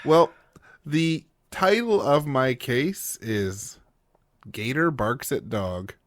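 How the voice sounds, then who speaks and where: A man hosting a podcast, telling a crime story with plenty of swearing and jokes. His pitch moves around a lot as he talks. The sound is dry and close. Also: slow, dry recording. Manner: swearing, joking, lively storytelling. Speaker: podcast host.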